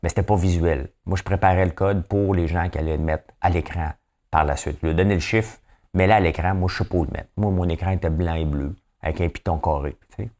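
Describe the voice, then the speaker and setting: A man with a deep, darkish voice and a Quebec French accent hosts a daily news commentary show, talking fairly quickly with fairly even intonation. He speaks casually, rambling, asking rhetorical questions and often tagging on "hein?".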